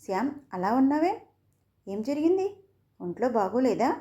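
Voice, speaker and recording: A woman voicing a caring middle-aged mother who gently scolds her son. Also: mid-range voice, measured pace, highs cut off, lightly acted. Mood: worried. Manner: affectionate scolding.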